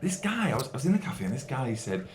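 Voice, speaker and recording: A man's voice: medium pitch, sing-song, fast, echoey room, a little hiss or hum. A man being interviewed as a musician, chatting casually and telling anecdotes, often repeating phrases for emphasis.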